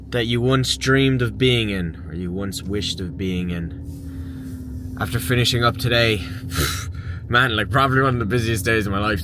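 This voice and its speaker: A man, talking casually and upbeat to camera as a fitness vlogger, in informal slangy language. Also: on the low side. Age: 20s. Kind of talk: casual vlog talk to camera. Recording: clear background noise, vehicle and outdoor ambience.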